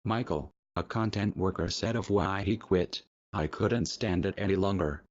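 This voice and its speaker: A man reading a scripted protest message in a solemn, measured, declamatory way, his voice disguised and artificially deepened. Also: lo-fi sound.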